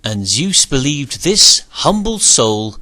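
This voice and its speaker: A man narrating a rhyming storybook retelling in a measured, expressive way. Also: medium pitch. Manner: measured, expressive verse reading.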